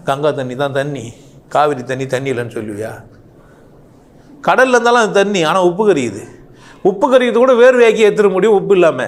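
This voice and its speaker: A man delivering an impassioned monologue, firing off rhetorical questions and swinging his voice up and down sharply. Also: high voice. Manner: animated, rhetorical questions, rising and falling sharply. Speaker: speaker.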